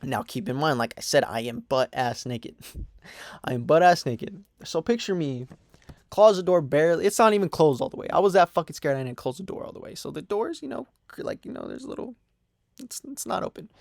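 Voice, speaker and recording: A man's voice: on the high side, big pitch swings, a little fast, gravelly, dry recording, studio quality. Young man telling a profane, rambling story. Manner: profane, rambling, full of "you know" and "whatever" fillers. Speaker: storytime vlogger. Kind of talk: casual storytime monologue.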